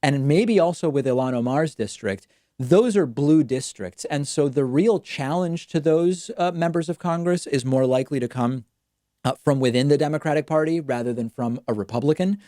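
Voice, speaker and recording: A man's voice: on the high side, normal speed, dark tone, no room sound, clean studio sound. A man hosting a call-in show, giving unscripted political commentary in an explanatory, matter-of-fact way.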